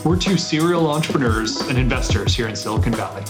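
Man, podcast co-host, scripted intro, loud music bed. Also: medium pitch, animated, fast.

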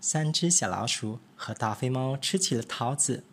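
Animated man reading a children's picture book. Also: mid-range voice, moderate pace, slightly rough. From Malaysia. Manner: expressive, animated storytelling. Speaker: storybook reader.

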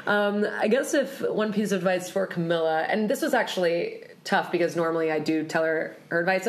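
Animated woman in her late twenties. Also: low voice. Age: late 20s. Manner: animated, laughs through her stories. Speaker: interview guest. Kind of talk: casual storytelling. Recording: roomy echo.

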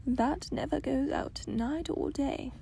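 A woman voicing a gentle, wise, very old grandmother in a storybook, speaking in a soft, hushed half-whisper. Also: high-pitched, takes it slowly, creaky, slight background noise, heavily acted. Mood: tender.

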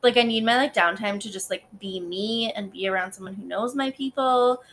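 A woman co-hosting a podcast in casual chat, talking in halting, self-interrupting bursts. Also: mid-range voice, a bit bright, a little hiss or hum. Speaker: podcast co-host.

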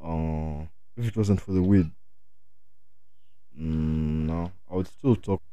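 A young man with a deep, mellow voice chats casually as a guest. He is slow and hesitant, leaning on street slang, and the sound is dry and close. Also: smooth, no echo. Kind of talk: casual chat.

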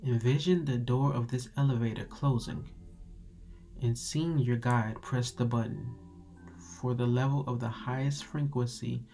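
Calm, meditative man guiding relaxation over music. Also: mid-range voice, unhurried, creaky. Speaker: guided meditation host. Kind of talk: guided meditation narration.

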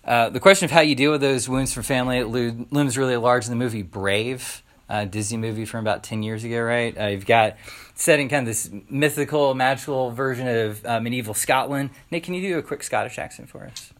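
A man's voice: medium pitch, fairly quick, fairly bright tone. A man preaching a casual, conversational sermon, full of filler words and rhetorical questions. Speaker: pastor.

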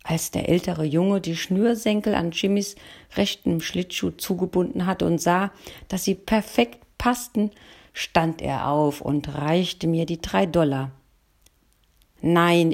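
Low, gravelly woman telling a story. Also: a little slow. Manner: calm first-person storytelling. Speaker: narrator. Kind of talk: audiobook reading.

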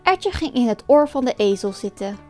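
A woman storyteller reading a folk tale aloud in a calm, expressive way. Her voice is notably high. Soft music plays faintly behind her. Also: moderate pace. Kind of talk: scripted folk tale narration.

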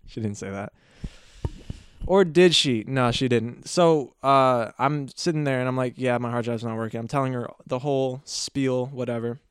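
Smooth-voiced joking podcast host man. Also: mid-range voice, unhurried, dry recording, clean studio sound. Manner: joking, rambling, self-correcting. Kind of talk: casual solo podcast storytelling.

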